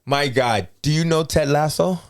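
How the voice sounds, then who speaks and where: Animated man chatting about movies, smooth voice. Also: on the high side, normal speed, no echo, clean studio sound. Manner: animated, jokey, breaks into mock voices. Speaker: podcast co-host. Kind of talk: casual movie review chat.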